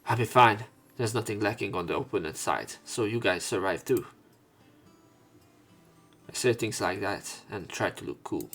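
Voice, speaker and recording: In a let's play, a man reads a visual novel's narration and dialogue aloud, dropping informal and sometimes sweary asides. His voice is fairly low with a fairly bright tone, he speaks at normal speed, and faint music is audible behind him.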